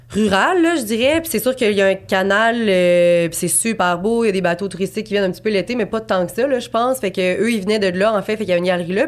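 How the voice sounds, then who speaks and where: Speaking in a mid-range voice, a 28-year-old Quebec French-accented woman appears as a guest artist in an interview. She talks casually and at length in a chatty, rambling way, full of fillers and restarts.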